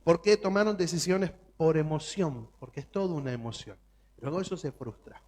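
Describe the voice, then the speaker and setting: A man's voice: fairly high pitch, normal speed, darkish tone. A man preaching a sermon as pastor, emphatic and full of rhetorical questions.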